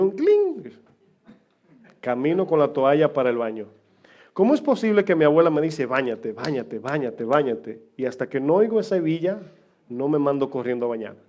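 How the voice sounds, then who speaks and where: A man's voice: mid-range voice, dark tone. A middle-aged man preaching as pastor, chatting with his congregation with humor and questions. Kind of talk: sermon. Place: church.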